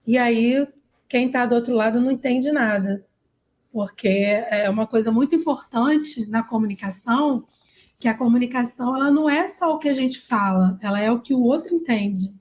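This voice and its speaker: A woman's voice: fairly high pitch, normal speed, a little mellow. A woman with a Brazilian accent, a speech therapist guest, explaining emphatically and addressing listeners directly. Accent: Brazilian Portuguese. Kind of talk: explanatory interview talk.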